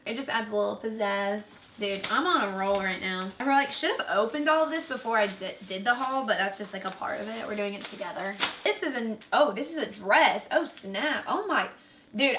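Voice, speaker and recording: A woman's voice: mid-range voice, a bit bright, far from the mic, slight background noise. A young woman vlogger chatting casually while unboxing clothes, bubbly and full of fillers, a bit out of breath. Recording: roomy, from away from the mic.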